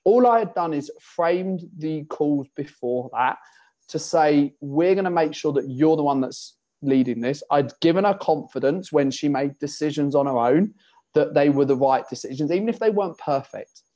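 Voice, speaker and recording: A man with a voice pitched a little on the high side, talking as an online fitness coach. He tells animated stories, slips into his clients' voices to act out conversations, and swears freely while giving casual, frank advice.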